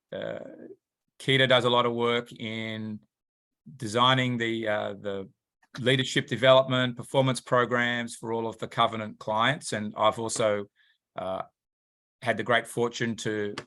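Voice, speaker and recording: Bright-voiced male podcast host. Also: mid-range voice. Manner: welcoming, with frequent uh fillers. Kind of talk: hosting an interview.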